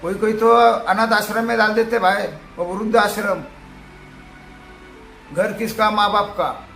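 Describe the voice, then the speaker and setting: Male commentator, high-pitched voice, emphatic moralizing storyteller, echoey room. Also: fairly even intonation, unhurried, gravelly, fairly bright tone, soft background music. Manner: emphatic, preachy, storytelling with acted quotes. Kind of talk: casual moralizing monologue.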